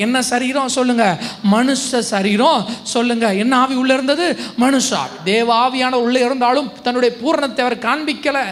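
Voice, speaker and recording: A male pastor delivers a call-and-response sermon in a very high voice. He keeps prompting the congregation to answer aloud, moving from slow, stressed words to quick bursts of talk. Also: a bit bright.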